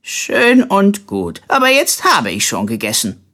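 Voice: medium pitch, huge pitch swings, a little slow, sharp tone, pitched above the performer's own voice, heavily acted. A reader voicing an older, grumpy great-aunt with a quacking, nasal voice. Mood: indignant.

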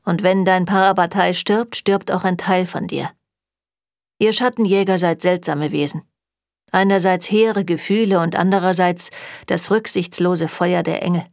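A woman's voice: fairly low pitch, fairly even intonation, moderate pace, no echo, lightly acted. A woman reading a German audiobook, voicing a sardonic, evasive male warlock who answers with dry mockery. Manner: dry and mocking.

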